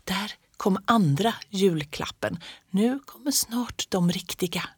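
A woman reading a playful aunt who speaks in a soft, secretive way. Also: medium pitch, no echo, studio quality, voice pushed up, lightly acted. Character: warm young aunt, playful and hushing.

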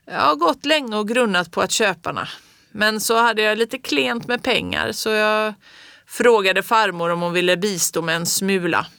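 A woman voicing a kindly old rural grandfather who talks slowly and plainly. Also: medium pitch, gravelly, bright, forceful tone, clean tone, no echo, clean studio sound. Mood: gentle. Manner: slow, homely, plain-spoken.

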